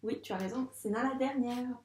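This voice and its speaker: Lady teacher doing a lesson for a little kid, patient, drags words out by syllable, kinda high voice. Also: normal speed, darkish tone, reverberant, slight background noise. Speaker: primary school teacher. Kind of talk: video lesson for a young child.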